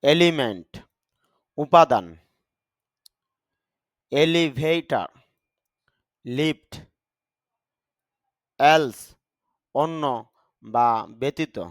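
A man teaching English vocabulary in Bengali, reading each word and its meaning in a deliberate, explaining manner, with a Bangladeshi Bengali accent. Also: on the high side, dry recording, studio quality. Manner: deliberate, spells out pronunciation. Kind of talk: slow vocabulary lesson, word then meaning.

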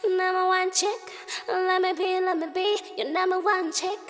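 A woman singing a pop vocal in long drawn-out lines, with harsh, hissy s sounds that have not been tamed. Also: extremely high pitch, fairly even intonation, long reverb tail, faint music behind. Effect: harsh hissy s sounds, too much sibilance. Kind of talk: sung pop vocal over a beat. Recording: vocal playing over a loud backing track.

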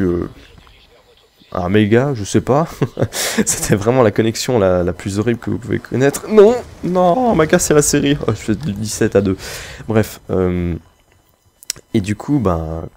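A man's voice: on the low side, dark tone. A man chatting casually while playing a shooter, rambling with lots of fillers and breaking off to react to the game. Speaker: gaming video creator. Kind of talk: casual chat over live gameplay.

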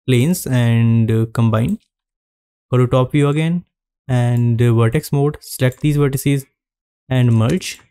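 With a clean, mid-range voice and no echo, a man gives calm, step-by-step directions over a screen recording of 3D modeling, stopping often as he goes.

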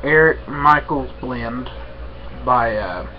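A young man chatting casually to camera at home in an unhurried, halting, rambling way. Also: medium pitch. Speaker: vlogger, pipe smoker. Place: small room at home, indoors. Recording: dull webcam audio with faint noise.

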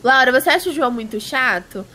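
A woman's voice: sits high, expressive, fast, pushed and bright. A woman with a Brazilian accent chatting casually and teasingly while she streams a game. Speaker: gaming streamer. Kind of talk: casual live-stream chat while gaming. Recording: music playing behind. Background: music.

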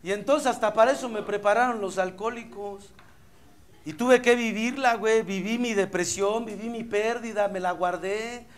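A man's voice: high-pitched, moderate pace. A man with a Mexican accent giving a blunt, profane, impassioned testimony at a recovery meeting. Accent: Mexican Spanish. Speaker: AA speaker.

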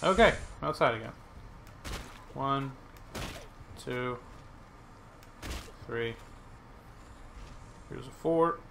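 A man narrates his own gameplay in an unhurried, drawn-out way, muttering and then suddenly yelping when things go wrong. His pitch sits right in the middle for a man. Steady background noise hangs under the recording. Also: gravelly. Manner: frustrated, self-mocking running commentary with outbursts. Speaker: let's play gamer. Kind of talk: gameplay commentary.

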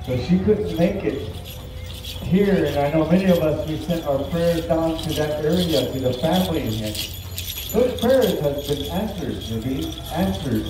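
An older man giving an earnest, measured public address in powwow emcee style, pausing between short phrases. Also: a little high, expressive. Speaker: speaker for a family sponsoring a dance special. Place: large open-sided tent at an outdoor powwow. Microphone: distant camera picking up PA. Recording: echoey PA from far off, background noise.

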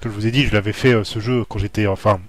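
A man's voice: on the low side, fairly even intonation, fast talker. A young man giving casual gameplay commentary, informal, repeating himself and searching for words. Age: young adult. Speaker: let's play YouTuber.

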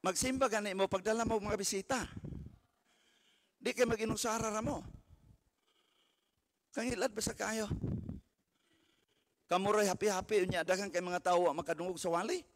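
A man in his seventies preaching a sermon as pastor, swinging from hushed murmurs to shouted exclamations and calling out for hallelujahs. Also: high voice, steady tone, moderate pace, pauses often, a little hiss or hum. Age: 70s. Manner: calls for hallelujahs, mixes English phrases into preaching.

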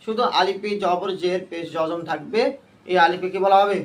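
High-voiced man teaching a Quran class. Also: fairly even intonation, moderate pace. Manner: drills students with repeated questions. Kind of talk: call-and-response class lesson.

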